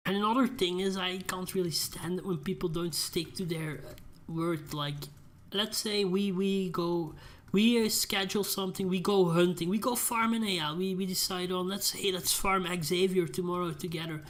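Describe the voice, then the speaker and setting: A man's voice: sits high, fairly even intonation, moderate pace, fairly bright tone. A young man giving casual gameplay commentary, rambling into ranting asides. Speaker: gaming channel host.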